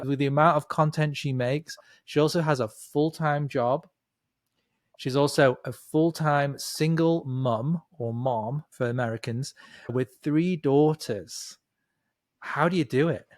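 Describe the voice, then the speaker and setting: A man's voice: fairly high pitch, fairly even intonation, a little slow, darkish tone, no echo. A middle-aged man from the north of England hosting a casual interview, effusive and enthusiastic. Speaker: host.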